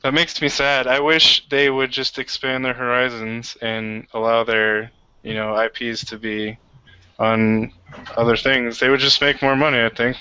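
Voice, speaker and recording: A man's voice: medium pitch, little pitch movement, unhurried, sharp tone, clean tone, dry recording. A man chatting casually on a podcast in a musing, hesitant way. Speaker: podcast co-host. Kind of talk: casual chat. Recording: dry dull lo-fi sound.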